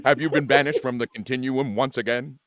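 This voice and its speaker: A man's voice: mid-range voice, steady tone, fairly quick, fairly bright tone, a little hiss or hum, close to an everyday voice. A man reading a stern, reserved starship captain in a live sci-fi script read, formal and guarded. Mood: stern, irritated.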